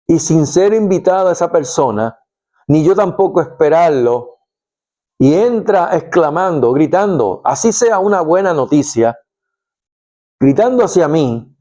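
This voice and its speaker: Man, devotional teacher, unhurried and warm-toned, lively storytelling delivery. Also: a little high. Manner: animated storytelling, acts out scenes. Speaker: preacher.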